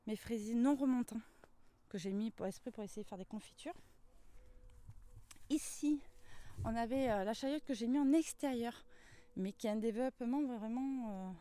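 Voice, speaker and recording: Woman, mellow voice, casual garden vlog, chatty with fillers, phone mic outdoors. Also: a little high. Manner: chatty, many fillers and tag questions. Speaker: gardening vlogger.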